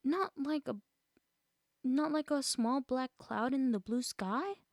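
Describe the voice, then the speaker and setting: A woman's voice: high-pitched, animated, slow pace, dry recording, studio quality, pitched above the performer's own voice, heavily acted. A woman voicing a fond, silly, earnest storybook bear who muses anxiously. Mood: eager, anxious. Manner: earnest, thoughtful musing. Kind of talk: storybook character voice.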